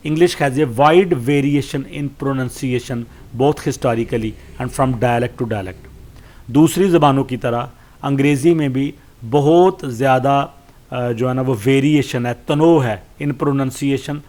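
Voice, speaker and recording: A man with a Pakistani accent giving a study lesson. He reads English lines slowly and explains them, pausing often with fillers. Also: mid-range voice, a little mellow. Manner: slow, deliberate reading with hesitant fillers. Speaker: lecturer.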